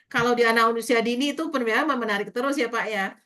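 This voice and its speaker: A middle-aged woman lectures a university class in a fairly high voice. She speaks straight to her students and slips into playful little dialogues with young children, talking as both teacher and child. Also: rapid-fire. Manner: lively, acts out child and teacher dialogue in a higher voice.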